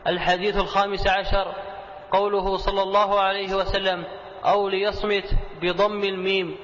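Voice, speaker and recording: A man's voice: sits high, level tone, normal speed, fairly bright tone. A man, a student, reading a classical text aloud in a formal recitation. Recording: echoey hall, dull lo-fi audio.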